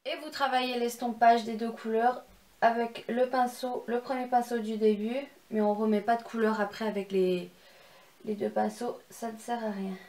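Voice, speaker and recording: A young woman hosts a casual makeup tutorial, explaining each step as she goes. Her voice sits slightly high, and she talks in a chatty, instructive way with self-deprecating asides. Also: level tone, moderate pace, darkish tone. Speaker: beauty vlogger.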